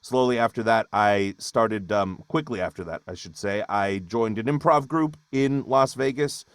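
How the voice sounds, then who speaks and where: Relaxed rambling man from Hawaii. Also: on the low side, moderate pace, clear, resonant tone, dry recording. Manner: relaxed and rambling, with frequent fillers and restarts. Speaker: voice actor guest. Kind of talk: casual webinar talk.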